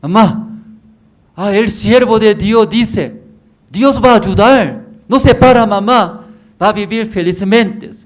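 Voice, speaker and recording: A man's voice: lively intonation, measured pace. A man voicing a young missionary son who pleads desperately with his mother. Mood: pleading. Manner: pleading, high and loud.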